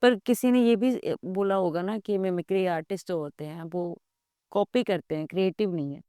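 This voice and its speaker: A woman's voice: lowish voice, moderate pace, dark tone, smooth, no room sound, clean studio sound. A woman hosting an interview podcast who asks her guest questions in a conversational way. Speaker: podcast host.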